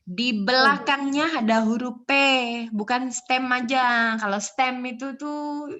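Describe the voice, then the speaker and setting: A woman's voice: high voice, slow, pushed and bright. A woman lecturing on English phonology in a casual online class, chatty and joking with students, mixing in English terms.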